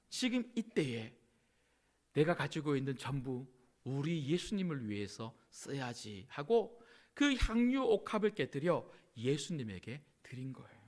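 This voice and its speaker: Male pastor, sermon, high voice, lively intonation, emphatic, rhetorical questions. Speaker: senior pastor.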